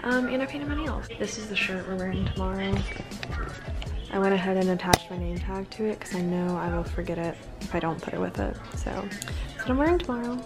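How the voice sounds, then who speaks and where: A woman's voice: mid-range voice, brisk, loud music behind the voice. An American woman in her early twenties chatting casually to her vlog camera in a bubbly sorority-girl way, peppering her talk with "like" and "literally.". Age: early 20s. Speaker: vlogger, college sorority member. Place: small bedroom, indoors. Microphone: camera at arm's length.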